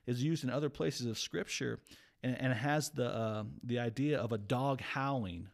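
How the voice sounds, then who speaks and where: A man's voice: medium pitch, normal speed, vocal fry. A man talking casually and earnestly as a Bible teacher, walking through a psalm in conversation with many restarts. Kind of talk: casual Bible study chat.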